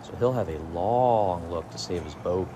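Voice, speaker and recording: A man giving low-key, measured golf commentary, calling the play shot by shot. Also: background noise.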